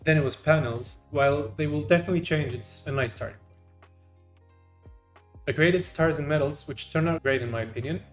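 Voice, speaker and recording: A man's voice: fairly high pitch, brisk. A young man, a game developer, narrating his devlog in a dry, self-deprecating way. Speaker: game developer and channel host. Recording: roomy echo. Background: faint music.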